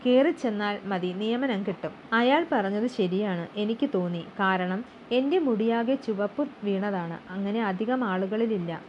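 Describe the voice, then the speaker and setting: A woman narrates an audiobook in a steady, clear manner. Her voice sits fairly high, and the recording is slightly dull, with a faint hum underneath. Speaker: audiobook reader. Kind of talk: storybook narration.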